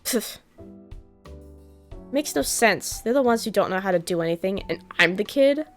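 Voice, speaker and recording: A woman's voice: medium pitch, lively intonation, moderate pace, faint music behind, lightly acted. A woman voicing a sulky, bratty young boy who whines and huffs about being dragged along. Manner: whiny, huffy complaints.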